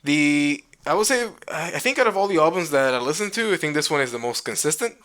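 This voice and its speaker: A man with a bright, forceful voice talks loosely about records. He keeps stopping and restarting, full of ums and likes, in easy podcast chat. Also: on the high side, animated, fast. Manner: rambling, many fillers and restarts. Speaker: podcast co-host. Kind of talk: casual music chat.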